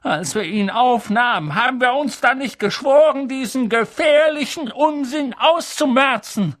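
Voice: high voice, animated, extremely slow, sharp tone, dry recording, studio quality, pitched above the performer's own voice, heavily acted. An audiobook narrator voicing a blustering middle-aged uncle who bellows and splutters. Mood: flustered. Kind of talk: audiobook character voice.

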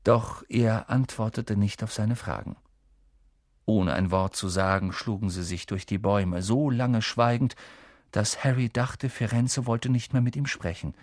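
A man reading an audiobook with steady storytelling narration and dramatic lifts. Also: lowish voice, a little slow, dry recording, studio quality. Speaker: audiobook reader. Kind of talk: scripted narration.

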